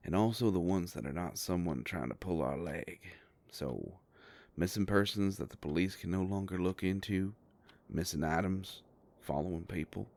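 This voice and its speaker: Reassuring yet businesslike, a man with a deep, gravelly voice portrays a caring werewolf private eye in an intimate audio drama. His folksy, relaxed speech moves at a moderate pace and sounds a little mellow.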